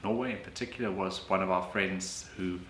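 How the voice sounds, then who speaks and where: A man, answering interview questions in a relaxed way, correcting himself now and then. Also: low-pitched, a little fast. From South Africa. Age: late 30s. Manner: relaxed, with fillers and self-corrections. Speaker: author and freelance economist. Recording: echoey room with background noise.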